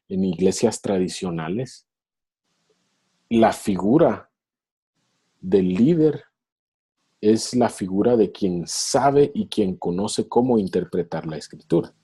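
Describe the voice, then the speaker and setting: A man with a low, dark voice gives a reflective lecture over a video call. He speaks slowly and unhurriedly. He retells a story and acts out its voices, and his tone is slightly husky. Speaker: speaker in a theology webinar.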